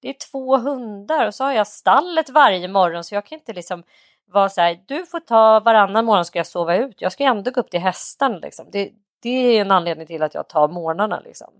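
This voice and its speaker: A woman's voice: medium pitch, animated, no room sound. Woman, 30s, podcast co-host; chatty, cursing storyteller, dry voice. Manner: swears freely, storytelling with acted quotes. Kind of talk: casual chat.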